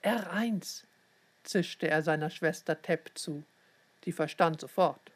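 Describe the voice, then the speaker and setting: A woman narrating a children's story in a clear, even storytelling manner. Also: low-pitched, unhurried.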